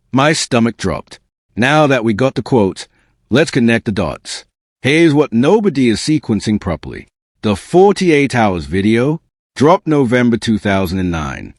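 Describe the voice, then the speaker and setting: A man's voice: on the low side, a little mellow, no room sound, clean studio sound. A man delivering scripted celebrity exposé commentary as an online host, in a slangy, incredulous, smug and sarcastic manner.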